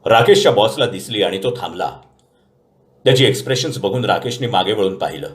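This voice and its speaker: Lively male storyteller. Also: on the low side, fairly quick, roomy sound. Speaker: narrator. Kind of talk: audio story narration.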